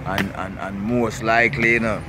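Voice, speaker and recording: A man's voice: on the low side, steady tone, normal speed. Jamaican man, Rasta speech, noisy outdoor recording. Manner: rambling and repetitive, with tags like 'see', 'you know', 'blessed love'. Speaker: vlogger. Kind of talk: casual walking-tour commentary in Jamaican Patois with Rasta speech. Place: outdoors in a city park beside busy streets. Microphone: handheld camera while walking. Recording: noisy outdoor camera audio with traffic ambience.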